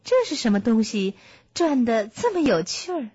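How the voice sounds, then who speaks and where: A woman doing a high, curious young princess. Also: very animated, moderate pace, dark tone, husky, no room sound, lo-fi sound.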